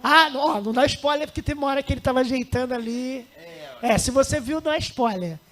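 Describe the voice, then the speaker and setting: A man's voice: very high-pitched, quick pace, a bit bright. A man hosting a podcast interview, playful and teasing, steering the talk and calling on his crew. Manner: playful, teasing, directs the show. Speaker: podcast host. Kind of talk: casual interview, joking asides.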